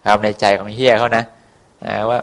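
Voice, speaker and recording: A man's voice: on the low side, little pitch movement, fairly quick. A man telling a folk tale in a casual, rambling way, with many fillers and coarse words. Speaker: storyteller.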